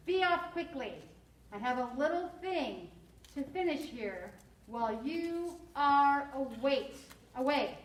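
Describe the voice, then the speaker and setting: A woman's voice: sits high, a little hiss or hum. A teacher reading as a desperate, commanding witch. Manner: commanding, read aloud from a book. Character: desperate scheming female witch giving orders. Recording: roomy classroom from far off.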